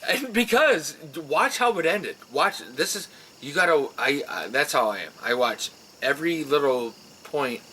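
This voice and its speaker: A man co-hosting a casual wrestling talk show, his pitch swinging widely as he gets animated. His voice is bright and forward. A faint hum of crickets sits behind him. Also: measured pace, rough recording. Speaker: podcast co-host.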